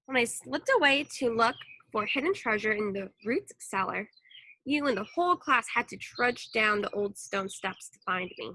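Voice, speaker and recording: A woman reading a children's story aloud in an expressive narrating style. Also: a little high, normal speed, no echo, low-quality recording. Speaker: storybook reader.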